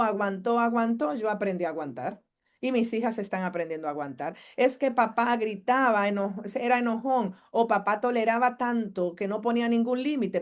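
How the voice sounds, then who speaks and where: Woman psychologist, lively teacher, questions the room, fairly high voice. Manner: asks the audience questions and acts out family members' lines. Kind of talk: live masterclass talk.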